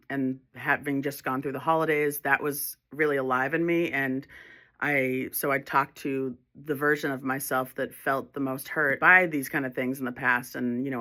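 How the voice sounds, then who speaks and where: A woman's voice: a bass voice, fairly bright tone. A woman speaking as a holistic life coach in a reflective self-help monologue, earnest and encouraging, often restarting her phrases.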